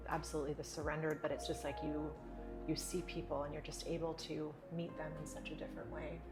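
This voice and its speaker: A woman's voice: sits low, level tone, fast talker, a little mellow, faint music behind. A woman hosting an interview in a casual, somewhat hesitant way, with many fillers. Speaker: interview host.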